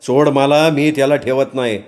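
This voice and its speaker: A man voicing an enraged village father who shouts defiantly. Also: mid-range voice, steady tone, moderate pace, natural voice. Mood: raging.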